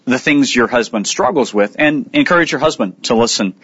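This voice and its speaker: A man's voice: medium pitch, brisk, a bit bright, slightly rough, no echo. Earnest male radio ministry host. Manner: earnest, conversational, reads rap lyrics aloud. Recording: dull lo-fi studio sound with faint music.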